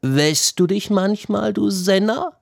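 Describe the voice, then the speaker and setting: A man's voice: high-pitched, slow pace, gravelly, no room sound, clean studio sound, voice pushed up, full character voice. A man voicing a scornful middle-aged mother who mocks and jeers, in a storybook reading. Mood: mocking. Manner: mocking, jeering.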